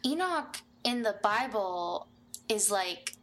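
A woman's voice: medium pitch, lively intonation, slow, fairly bright tone, a little hiss or hum. A woman co-hosting a casual podcast, asking offhand questions and chiming in with what she knows. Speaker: podcast co-host.

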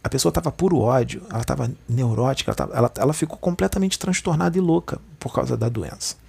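A man with a Brazilian Portuguese accent gives an informal spiritual talk in a mid-range, expressive voice that is creaky, darkish and a little breathy, at a quick pace. He keeps it conversational, constantly checking in with listeners, tagging lines with "né" and "tá" and calling them "gente."

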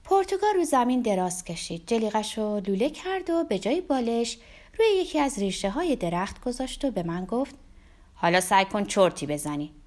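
Female storybook narrator; expressive first-person telling, animated pitch. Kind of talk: storybook reading.

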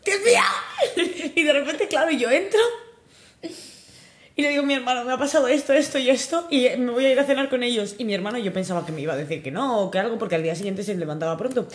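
Young woman, kinda tipsy, telling a story all excited, giggly, casual podcast chat. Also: a little high, fast talker. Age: young adult. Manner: animated, excitable, laughs often. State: a little tipsy.

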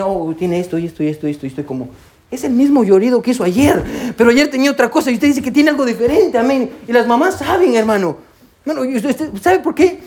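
A man preaching a sermon as pastor, swinging between loud highs and hushed lows and often calling out "hermano" and "amén". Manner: peppers speech with "hermano" and "amén".

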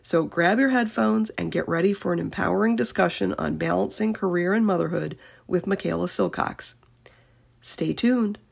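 A woman's voice: lowish voice, normal speed, creaky, breathy edge. Scratchy-voiced woman hosting a podcast. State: getting over a cold, scratchy voice. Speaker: podcast host. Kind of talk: scripted podcast introduction.

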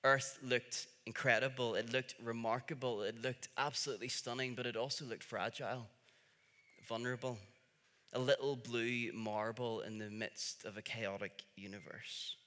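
Forceful male preacher in a reverberant hall. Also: medium pitch, fairly even intonation. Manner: dramatic pauses and emphatic repetition. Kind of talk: storytelling sermon. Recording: reverberant large-room sound.

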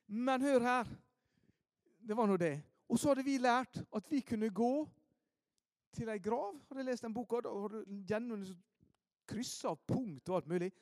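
Preacher, male, high-pitched, animated storyteller swinging from loud emphasis to quiet asides. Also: no echo, clean studio sound. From Norway, Ålesund. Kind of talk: storytelling sermon.

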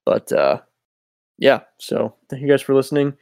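Tired young man, flat low-key chat. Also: normal speed, vocal fry, no echo, studio quality. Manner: low-key, many filler ums. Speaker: podcast co-host. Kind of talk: casual chat. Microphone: Discord voice call.

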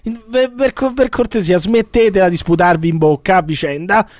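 Guy, high voice, flustered denials, dry close sound. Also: moderate pace, dry recording. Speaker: podcast co-host. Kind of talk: comedic podcast banter.

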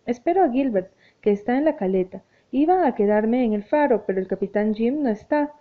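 A woman voicing Ana, a gentle caring young woman. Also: fairly high pitch, animated, a little fast, lightly acted. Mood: tender. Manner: soothing, tender. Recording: tinny phone-like sound.

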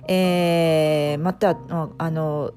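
A woman's voice: deep voice, fairly even intonation, drawn-out words, mellow, faint music behind. A middle-aged woman, a life coach, talking casually as a podcast guest, with many fillers and restarts. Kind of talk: casual interview talk.

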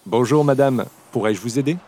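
A man's voice: medium pitch, moderate pace, mellow, no room sound, lightly acted. A man voicing a bank clerk in a scripted lesson dialogue, speaking courteously and formally.

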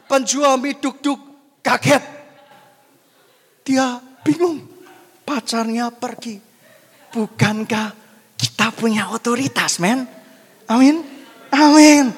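A man preaching a sermon to a congregation, animated and full of rhetorical questions. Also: very high voice, vocal fry, in a large hall. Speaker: pastor.

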